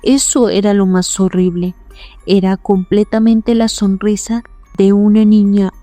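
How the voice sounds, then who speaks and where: A woman giving a scripted, measured first-person horror narration at a suspenseful pace. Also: mid-range voice, steady tone, mellow, dry recording, faint music behind. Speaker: storyteller.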